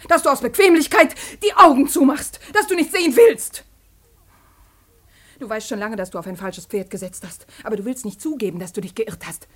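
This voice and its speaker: An actress playing an outspoken young daughter in a radio play, impassioned and pleading. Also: female voice, on the high side, lively intonation, a little fast. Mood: reproachful. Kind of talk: 1950s radio play acting.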